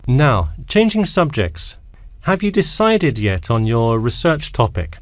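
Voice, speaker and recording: A man playing a helpful, matter-of-fact university tutor in a scripted textbook dialogue, with deliberate intonation. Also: medium pitch, sing-song, no room sound, dull audio. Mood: inquiring. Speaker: academic adviser in a listening-test dialogue.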